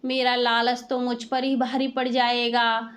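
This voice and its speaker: A woman's voice: fairly high pitch, flat delivery, a little slow, a bit bright. A woman voicing a stingy, greedy middle-aged male moneylender who frets and pleads in a storybook tale. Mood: fretful.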